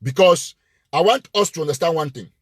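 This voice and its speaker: Husky male host, impassioned and repetitive live address, animated and fairly high-pitched. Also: brisk, no room sound, clean studio sound. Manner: emphatic and repetitive, hammering points with rising force. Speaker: live-show host and political commentator.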